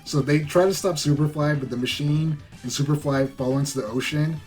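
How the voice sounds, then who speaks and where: A man's voice: a little high, fairly quick, darkish tone, faint music behind. Rambling casual movie reviewer, man. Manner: rambling, full of "like" and "you know".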